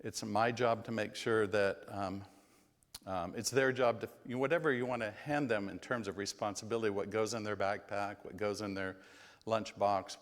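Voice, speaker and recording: Low-voiced male parenting class leader, folksy and down to earth, recorded in a reverberant church hall. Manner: folksy, acts out yelling parents.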